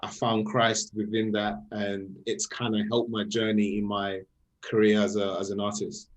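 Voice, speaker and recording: Low-voiced man, halting artist guest. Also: little pitch movement. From Sweden. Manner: halting, repeats words while explaining. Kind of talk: casual interview chat.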